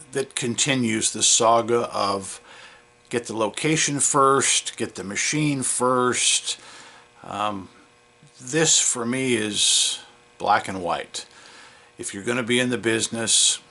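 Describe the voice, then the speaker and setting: A man in his sixties who runs a vending business, telling a rambling story to the camera in a relaxed, casual way. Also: medium pitch.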